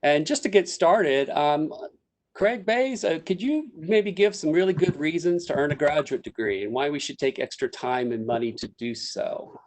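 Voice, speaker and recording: A man in his fifties, a psychology professor, moderating a panel with organized, brisk introductions. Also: a little high.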